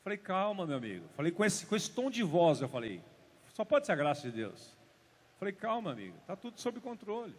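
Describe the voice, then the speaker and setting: A man preaching at a church service, telling a personal story emphatically and dropping to hushed tones for drama. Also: sits high. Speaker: pastor. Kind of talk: sermon. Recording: reverberant church hall.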